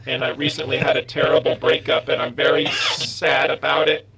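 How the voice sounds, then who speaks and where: A man improvising a heartbroken wine-snob robot with a deadpan mechanical monotone. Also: on the high side, normal speed, creaky, faint music behind, low-quality recording. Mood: mopey. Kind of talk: improv comedy on a talk show.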